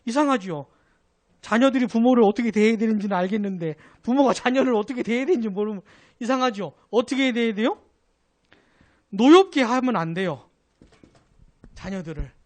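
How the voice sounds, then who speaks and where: A man's voice: extremely high pitch, animated, a little fast, long pauses, darkish tone. A man, a pastor teaching a Sunday doctrine class, who keeps asking his listeners questions and then answers them himself.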